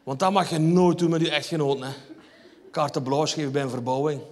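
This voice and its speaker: Flemish man, stand-up comedian, wry storyteller, fairly high voice, long hall reverb. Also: steady tone, brisk, darkish tone. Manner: wry, storytelling, addresses the audience. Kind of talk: stand-up routine. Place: theatre hall on stage.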